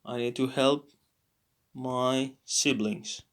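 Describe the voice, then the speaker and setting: A tired man teaching a casual language lesson, halting with many fillers and repeats. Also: mid-range voice, fairly even intonation, noisy background. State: tired, yawning.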